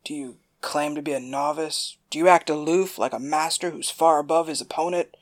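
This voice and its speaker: A woman voicing a boastful, smooth-talking male gunslinger in an audiobook. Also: low-pitched, steady tone, normal speed. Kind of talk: audiobook character voice.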